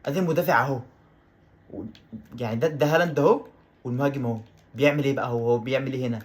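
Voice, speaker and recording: A man with an Egyptian Arabic accent talks over his football video game in quick, tumbling bursts. He gets excitable and says the same exclamation several times in a row. His voice sits at an ordinary middle pitch. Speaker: gaming YouTuber. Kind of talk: let's-play commentary.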